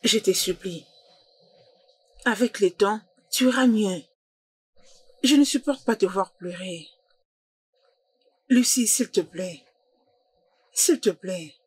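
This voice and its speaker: A stern, jealous young woman in a dubbed drama. Her voice sits a little high and husky, recorded close and dry, and she talks insistently. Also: animated, moderate pace, no echo. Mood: soothing. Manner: confrontational, insistent.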